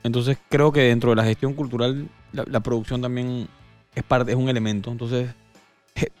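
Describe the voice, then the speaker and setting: A man, a music producer speaking as a guest in a casual interview, often halting and repeating words as he thinks. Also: medium pitch, little pitch movement, a little mellow.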